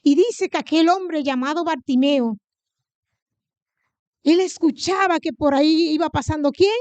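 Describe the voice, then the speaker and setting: A woman from the Dominican Republic preaches to her church in a Dominican accent, with a high voice. She keeps putting questions to the congregation and answering them herself. The sound is dry and close, with little room echo. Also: unhurried, a little mellow. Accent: Dominican Spanish. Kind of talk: sermon.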